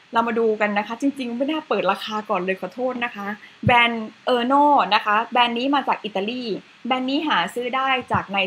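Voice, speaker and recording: A woman's voice: a little high, a bit bright, breathy edge, rough recording. Chatty Thai woman presenting a product. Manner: chatty, frequent polite particles.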